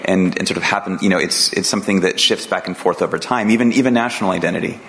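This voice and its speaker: A man's voice: deep voice, background noise. A man interviewing an author, asking long questions with hesitant repeats. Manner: halting, repeating words while forming questions.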